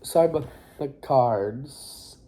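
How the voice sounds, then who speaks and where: Here a teenager from high school chats through a casual recap vlog on a phone, warm-toned yet halting, meandering, and full of apologies.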